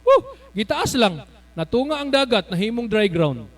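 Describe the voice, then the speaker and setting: Male pastor, very high voice, swooping lively delivery, shouts and laughs through his stories. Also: normal speed. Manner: animated, bursts into shouts and laughter while telling stories. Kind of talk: sermon.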